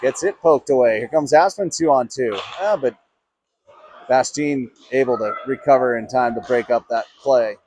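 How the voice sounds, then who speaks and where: A man calling live play-by-play for a youth hockey game, chatty and easygoing, getting louder on big plays. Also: mid-range voice, moderate pace, slight background noise. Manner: chatty, laughs often, rises in excitement on big plays.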